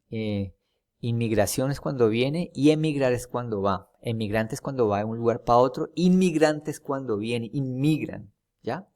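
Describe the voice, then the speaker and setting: A man's voice: medium pitch, darkish tone. A Colombian man teaching a casual history lesson, rambling with many fillers and restarts, often checking in with his students. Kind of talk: casual classroom lecture over a map.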